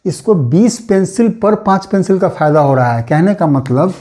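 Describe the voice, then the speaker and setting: A man's voice: sits high, lively intonation, normal speed, dark tone. A man teaching maths, patiently explaining a problem step by step and repeating key points, mixing terms into his speech. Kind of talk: classroom explanation.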